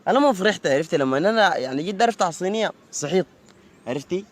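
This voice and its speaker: A man playing a smooth-talking Sudanese student. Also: sits high, animated, very fast, slight background noise. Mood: charming. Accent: Sudanese Arabic. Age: young adult. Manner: chatty, keeps saying "you know?". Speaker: university student.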